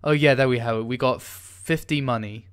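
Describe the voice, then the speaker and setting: Speaking at normal speed in a smooth, clean, medium-pitched voice, a man hosts a screen-recorded coding tutorial. He keeps it casual but hesitant, with plenty of ums and restarts as he types over faint keyboard clacks.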